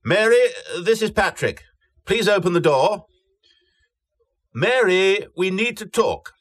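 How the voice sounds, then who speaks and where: A man's voice: high voice, animated, slow, fairly bright tone, full character voice. A man playing a stern, clipped, authoritative project director. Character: stern, budget-minded male project director.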